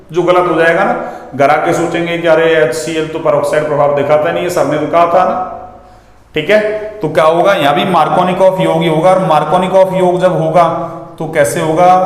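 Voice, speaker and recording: A man gives a chemistry lesson in a loose, conversational way, asking the class questions and answering them himself. His voice sits high. The room behind him rings with heavy, long reverb. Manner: conversational, full of rhetorical questions and "ना" tags. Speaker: chemistry teacher. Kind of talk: classroom lecture.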